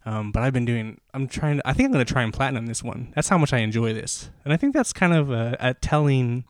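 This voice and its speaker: A man's voice: medium pitch, fast, no room sound, studio quality. A man hosting a solo podcast, talking enthusiastically in a rambling way with lots of fillers and restarts, a little out of breath. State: slightly out of breath. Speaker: podcast host.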